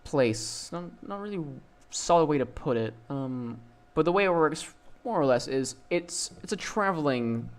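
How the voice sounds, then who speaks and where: A man's voice: a little high, expressive, moderate pace, few pauses, clear, resonant tone. A young man running a tabletop game as dungeon master, narrating with many fillers and restarts.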